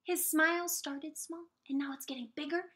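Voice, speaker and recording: A female preschool teacher with a high voice is reading from a picture book in a lively, supportive manner. Along the way she pauses to give simple explanations and put questions to young children.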